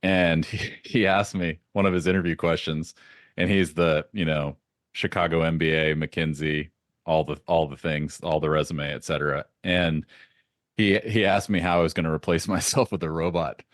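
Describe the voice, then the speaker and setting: A man being interviewed as a podcast guest, telling lively anecdotes and laughing often. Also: a bass voice, moderate pace, no room sound, studio quality. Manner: animated anecdotes with frequent laughs. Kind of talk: casual interview storytelling.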